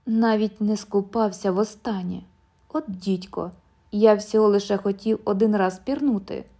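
A woman voicing a stubborn husband eager for one last swim, who later shouts in alarm. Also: medium pitch, fairly even intonation, moderate pace, lightly acted. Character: man on a beach, stubborn, restless to swim.

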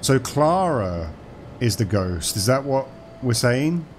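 A man's voice: medium pitch, sing-song, takes it slowly, slight background noise. A man casually commenting on a horror game as he plays, joking and talking to the game's characters. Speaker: gaming channel host.

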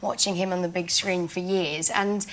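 Bright giggly Essex woman. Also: fairly low pitch, moderate pace. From Essex, England. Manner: chatty, giggly, animated. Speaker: actress guest. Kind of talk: casual chat on a daytime talk show. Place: television studio.

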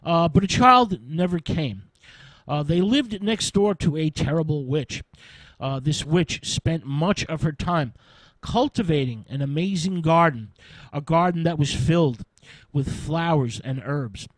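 A man narrating a fairy tale for radio, unhurried and hesitant, with frequent filler sounds. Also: on the high side, lively intonation, dry recording, low-quality recording. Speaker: radio storyteller.

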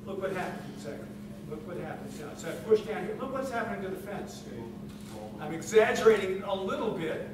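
Lively man teaching in an echoey hall. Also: sits high, brisk. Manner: lively, teasing, quizzes the audience. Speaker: woodworking instructor. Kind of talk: live workshop demonstration. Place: large conference room with audience. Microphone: far camera. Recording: echoey hall, far mic, loud room noise.

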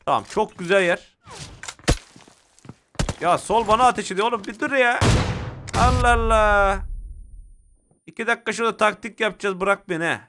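A man with a Turkish accent giving excitable live commentary while playing a mobile shooter and talking to his viewers. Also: high voice, moderate pace, pauses often, background noise. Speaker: mobile game streamer.

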